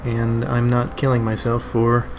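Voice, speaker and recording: A man livestreaming a game in casual, rambling and halting chat. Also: medium pitch, monotone. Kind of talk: casual stream chat over gameplay. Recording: game music, fan noise behind. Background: game music and a fan.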